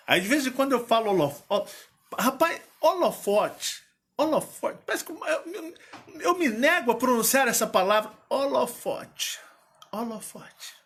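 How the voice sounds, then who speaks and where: A man with a Minas Gerais accent talks in a casual, rambling way, full of playful restarts. His voice sits high for a man and bounces around a lot. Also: a bit bright. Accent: Minas Gerais Portuguese. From Minas Gerais, Brazil. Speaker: channel host. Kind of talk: casual chat.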